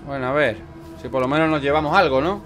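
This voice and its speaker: A man's voice: a little high, fast talker, a bit bright, faint music behind. A man with an accent from Spain giving casual let's play commentary, swearing freely and talking back at game characters. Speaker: gameplay commentator.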